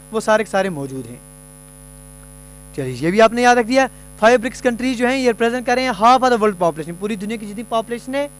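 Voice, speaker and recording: A male coaching teacher giving an exam prep lecture, explaining each point and then repeating it, reading English passages slowly. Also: extremely high pitch, a bit bright.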